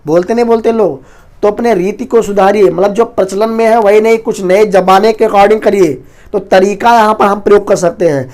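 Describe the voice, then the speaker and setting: A man teaching an online exam-prep Hindi lesson, talking very fast and loudly and often calling the viewers his friends. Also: high voice, steady tone. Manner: fast, rapid-fire delivery; loud, near-shouting teaching.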